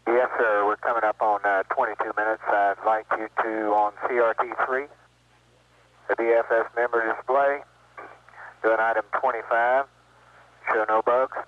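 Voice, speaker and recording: A man working as a launch test conductor, giving terse procedural callouts over a crackly two-way radio channel in a brisk, businesslike manner. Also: fairly low pitch, flat delivery, no room sound. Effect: crackly two-way radio transmission. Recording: tinny narrow-band radio channel.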